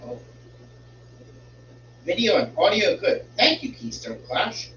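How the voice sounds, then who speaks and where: This live streamer has a high, sing-song voice that comes across bright and forceful, though he sounds stuffy and congested. Talking slowly from a home room with a fish tank, he wanders off topic while adjusting his settings. The stream sounds distant, roomy, and dull, with some hum.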